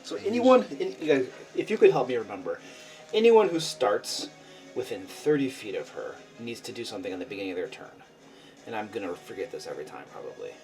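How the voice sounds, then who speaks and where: A man's voice: on the low side, big pitch swings, fast talker, darkish tone, soft background music, low-quality recording. A man acting as game master, narrating and refereeing a tabletop role-playing game in conversational speech.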